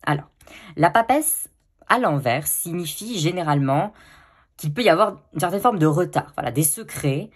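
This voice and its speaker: A woman with a somewhat low, husky voice reads tarot cards for her viewers. She talks in a loose, chatty way, full of fillers and little self-corrections. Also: animated, moderate pace. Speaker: tarot reader. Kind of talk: casual card-reading video.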